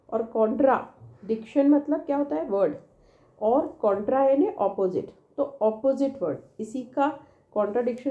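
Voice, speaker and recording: Slow, patient Indian woman teaching vocabulary. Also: on the high side, dark tone, roomy sound, lo-fi sound. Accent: Indian English. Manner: slow, patient, repeats each word and its spelling; ends phrases with tag questions. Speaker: English teacher. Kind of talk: vocabulary lesson in Hindi mixed with English.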